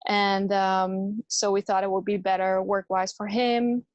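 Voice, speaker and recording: A woman's voice: medium pitch, little pitch movement, unhurried, no echo, lo-fi sound. A woman from the Netherlands, a yoga teacher, chatting casually as an interview guest and laughing often.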